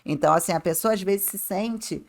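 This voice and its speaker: A woman's voice: medium pitch, brisk, gravelly, darkish tone. A woman with a Rio de Janeiro Brazilian accent and slightly tongue-tied diction, talking casually as a guest adviser on a podcast in a chatty, colloquial way. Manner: chatty, colloquial, acts out clients' remarks.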